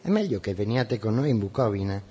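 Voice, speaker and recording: A man reading the lines of a hurried male coach driver, brisk and insistent. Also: lowish voice, lively intonation, mellow, breathy edge.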